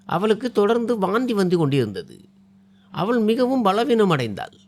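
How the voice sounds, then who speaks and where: A man narrating a dramatic first-person story, swinging between hushed and loud in an emotive way. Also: on the high side.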